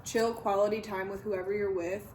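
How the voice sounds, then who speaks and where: A woman's voice: mid-range voice, level tone, a little fast, a little mellow. A young adult woman in a casual chat, talking in slangy, conversational phrases full of "like". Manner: filler-heavy, slangy conversational talk with frequent "like". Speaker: vlogger in a food Q&A video with a friend. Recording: roomy, distant mic, clear background noise.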